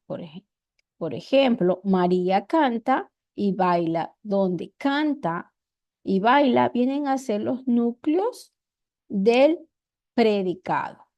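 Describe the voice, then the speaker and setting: A woman teacher with an Ecuadorian accent, explaining grammar slowly and deliberately, repeating her examples. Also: medium pitch, lively intonation, darkish tone, muffled recording. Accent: Ecuadorian Spanish.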